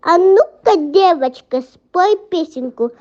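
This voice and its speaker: A young female reader as a very high, sly little fox. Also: animated, slow, mellow, exaggerated voice. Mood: coaxing. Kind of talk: children's folk tale reading. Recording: muffled lo-fi recording.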